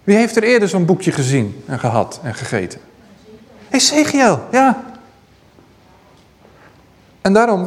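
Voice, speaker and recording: A man preaching a Bible-teaching sermon, his voice sitting a little high. He reads scripture aloud with lifting emphasis. The sound rings with a long hall reverb.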